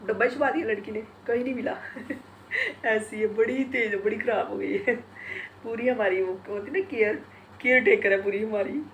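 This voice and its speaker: A woman's voice: fairly high pitch, normal speed, a bit bright, a little hiss or hum. A middle-aged woman vlogging in casual chat, congested and sore-throated from a cold, laughing often as she retells family talk.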